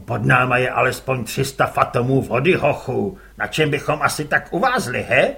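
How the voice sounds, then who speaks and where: A man doing a gruff, barking fisherman father. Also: medium pitch, animated, pushed and bright. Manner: barking short orders. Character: gruff middle-aged fisherman father, blunt and short-tempered.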